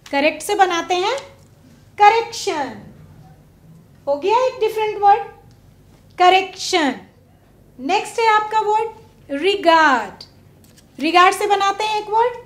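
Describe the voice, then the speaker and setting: A woman teacher giving a classroom lesson, drawing out words slowly and putting questions to her pupils. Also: extremely high pitch, animated, roomy sound. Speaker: English teacher. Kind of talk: classroom lesson on prefixes and suffixes. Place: broadcast studio classroom.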